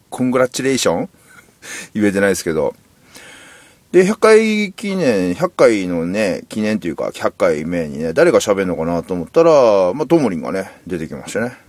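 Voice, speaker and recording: Kansai man, podcast host; low and animated, candid, wandering monologue. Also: dry recording. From Kansai, Japan. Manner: rambling, candid, self-deprecating. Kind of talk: casual solo podcast monologue.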